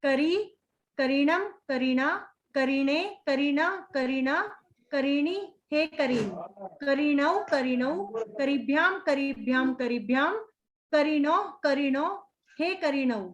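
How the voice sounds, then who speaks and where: A woman's voice: sits high, highs cut off. A woman student reciting Sanskrit word forms one at a time in an online class. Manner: slow, careful word-by-word recitation.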